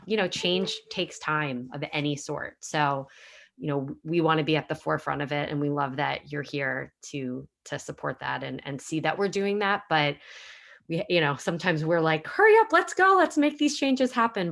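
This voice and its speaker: A woman's voice: low voice, fairly bright tone. A woman casting executive answering questions in a conversational webinar Q&A over a video call, repeating words as she thinks.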